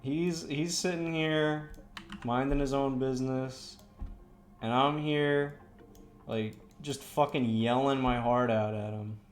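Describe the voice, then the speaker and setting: A man's voice: medium pitch, steady tone, slow, faint music behind. A young man, a streamer, telling a story in a casual, rambling way while he draws. He swears a lot and fills his talk with lots of "like" and "you know".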